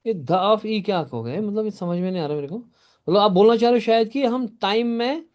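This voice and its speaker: Guy teaching an online class, highish voice, keeps asking "ok?" and walks through examples step by step. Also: animated, fairly quick, darkish tone. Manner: addresses students by name and answers their typed questions. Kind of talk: live online class lecture.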